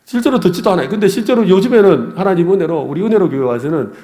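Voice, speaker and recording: Korean pastor guy giving a heartfelt sermon, pitch all over the place, kinda mellow warm tone. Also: expressive, rapid-fire. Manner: earnest, confessional preaching with personal stories.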